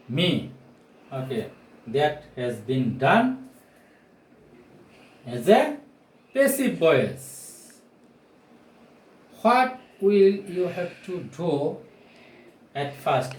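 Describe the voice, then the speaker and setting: A non-native English speaker in his forties teaches grammar at a whiteboard, speaking deliberately and projecting, repeating key phrases and posing rhetorical questions in an expressive voice on the high side. He's in a small room with bare walls, caught by a camera or phone mic a few steps away, giving roomy echo and slight background noise.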